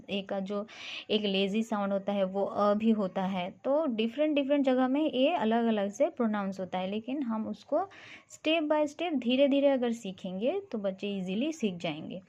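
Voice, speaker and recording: A woman teaching phonics to parents, explaining slowly and patiently and sounding out single letters. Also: medium pitch, a little mellow, muffled recording.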